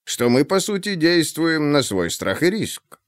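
A man voicing a polite, measured male professor in an audiobook. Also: a little high, sing-song, clear, resonant tone, dry recording, studio quality, pitched above the performer's own voice. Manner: courteous, measured.

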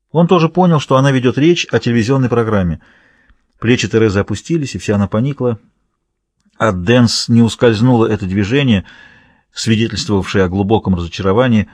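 A man narrating a thriller audiobook in a measured, even reading. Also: lowish voice, dry recording. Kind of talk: scripted narration.

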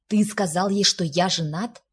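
A woman with a very breathy voice reading the part of a sharp young man who teases and scolds his friend. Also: on the low side, normal speed. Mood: alarmed. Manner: teasing, exasperated.

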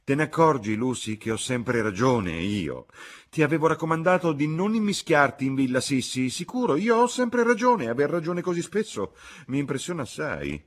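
A man voicing an excitable, self-righteous middle-aged mother who exclaims and fusses in a raised voice. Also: medium pitch, unhurried, vocal fry, husky, voice pushed up, full character voice. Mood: triumphant.

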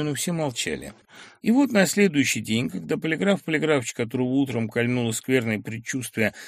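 A man narrating a classic novel as an expressive, dramatic audiobook reading. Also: medium pitch, gravelly, no echo, studio quality.

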